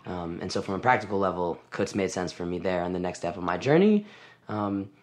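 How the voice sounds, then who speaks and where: A man's voice: low voice, animated, a little fast. A man in his twenties, a camp song leader, talking thoughtfully in a casual interview. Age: 20s. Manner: thoughtful, talks in restarts.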